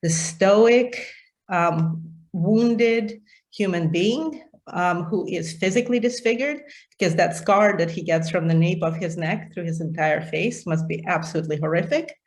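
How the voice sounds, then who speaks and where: A woman's voice: on the low side, a little slow. A middle-aged woman leading an informal book discussion, enthusiastic, with many fillers and restarts. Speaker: literature discussion leader.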